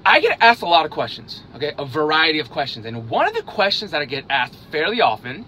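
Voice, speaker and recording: A man in his thirties talks straight to camera in a casual vlog, his fairly high voice bright and pushing forward. His pitch jumps around a lot, and he tacks an "okay?" onto nearly every point. A faint vehicle hum sits low in the background. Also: fast talker. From South Korea, raised in Hungary. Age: 30s. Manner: animated, checks in with "okay?" after most points. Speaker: vlogger on investing. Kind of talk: casual direct-to-camera talk.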